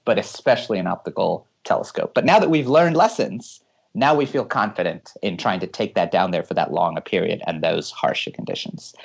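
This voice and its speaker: A man's voice: on the low side, gravelly. A man from California, a guest engineer giving eager, explanatory interview answers and laughing often as he talks.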